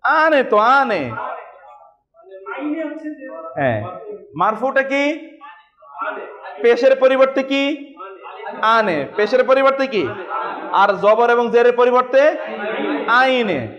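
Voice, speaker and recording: Slow, high-voiced male teacher drilling a class. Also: expressive, crowd noise. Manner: repeats words slowly and quizzes the class. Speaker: Arabic grammar teacher. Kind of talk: classroom lesson with call-and-response drilling. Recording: dull lo-fi recording.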